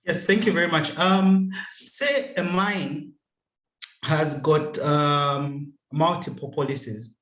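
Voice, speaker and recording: A participant asks a question hesitantly, pausing between ideas. The voice sits at a middle pitch and comes through an echoey room on a call. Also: a bit bright. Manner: hesitant, with fillers. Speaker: training participant.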